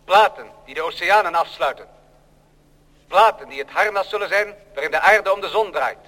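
Playing a plate-producing machine in a vintage radio drama, a man declaims ominously with cold menace, foretelling domination. His voice is high, bright and forceful at a moderate pace, with a long hall reverb.

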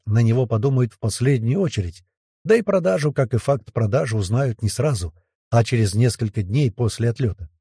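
Male audiobook narrator, first-person narration, steady, mellow, husky, dry close sound. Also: medium pitch, dry recording.

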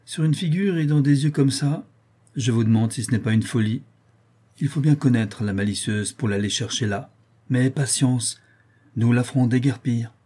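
A man reading an audiobook, voicing a fawning, glib male doctor with a flattering, bustling manner. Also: medium pitch, moderate pace, husky, lightly acted. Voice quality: raised, loud, honeyed delivery.

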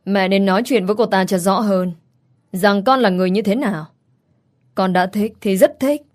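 A woman voicing a cold, cruel rich young man in an audio story, speaking flatly and with menace. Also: medium pitch, normal speed, lightly acted. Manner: flat, menacing.

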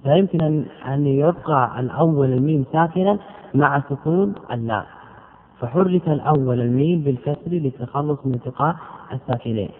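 A man's voice: fairly high pitch, slight background noise. Man teaching grammar on a tinny recording. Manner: deliberate, drawn-out stresses on example words, rhetorical questions. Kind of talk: explaining a grammar poem line by line.

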